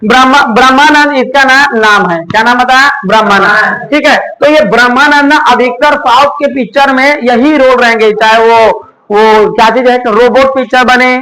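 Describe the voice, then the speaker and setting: A man teaching a class, loudly quizzing students and having them repeat answers back to him. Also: very high-pitched, fairly even intonation, normal speed, rough recording. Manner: loud, call-and-response questioning. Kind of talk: classroom lecture with memory tricks.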